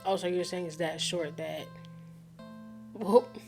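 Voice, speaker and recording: Woman streamer, slow talker, casual slangy let's-play reactions over faint game music. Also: fairly low pitch, fairly even intonation, creaky. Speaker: gaming streamer. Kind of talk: let's-play commentary, reading game text aloud.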